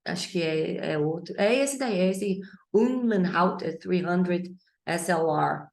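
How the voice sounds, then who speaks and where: Woman English teacher, lowish voice, unhurried and playful, echoey room. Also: lively intonation, vocal fry. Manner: chatty, playful, mixes Portuguese with English. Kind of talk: online English class.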